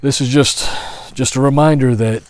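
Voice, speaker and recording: A middle-aged man talks into a phone held at arm's length as he walks through spring woods. He thinks out loud, pausing on fillers and restarting his sentences. His voice sits in an ordinary middle register. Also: mid-range voice, steady tone, no room sound. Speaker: vlogger. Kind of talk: walk-and-talk commentary. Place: outdoors in spring woods, walking.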